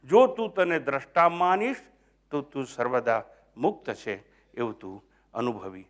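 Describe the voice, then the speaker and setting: An older man with a Gujarati accent giving a spiritual discourse, questioning his listeners and slipping in English phrases, moving between soft murmurs and loud emphatic points. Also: medium pitch, a little slow. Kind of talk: sermon.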